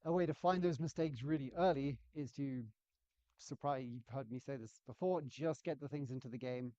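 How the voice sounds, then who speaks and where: A man's voice: medium pitch, normal speed, dark tone, no room sound. A man giving a casual lecture on game development, chatty and self-deprecating, acting out quotes. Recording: dull, slightly lo-fi sound.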